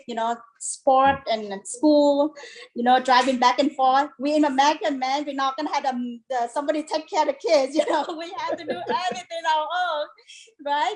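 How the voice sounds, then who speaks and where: In a casual interview, a high-voiced guest, a middle-aged woman from Vietnam, talks about things in non-native English with a Vietnamese accent; she runs a business from home. There's slight background noise and the recording is rough.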